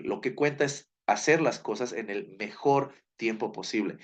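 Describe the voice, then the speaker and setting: A man giving a classroom lecture, telling a story and acting out the people in it, repeating his key points. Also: medium pitch. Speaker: teacher.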